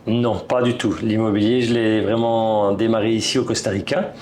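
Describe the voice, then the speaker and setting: A man's voice: fairly low pitch, level tone, moderate pace, a little mellow, a little hiss or hum. A Belgian man in his thirties with a Belgian French accent, talking casually as an interview guest, often restarting his sentences. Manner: hesitant, many restarts. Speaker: guest, real estate broker.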